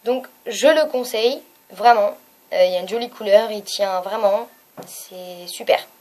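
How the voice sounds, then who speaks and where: A woman's voice: mid-range voice, measured pace, a little mellow. A young woman chatting casually as a beauty vlogger, hesitant and full of fillers while she reviews makeup.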